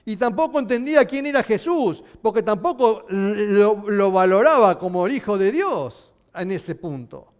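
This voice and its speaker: A man's voice: high-pitched, moderate pace, few pauses. A male pastor preaching a sermon, asking his listeners questions. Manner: animated, asking the congregation questions.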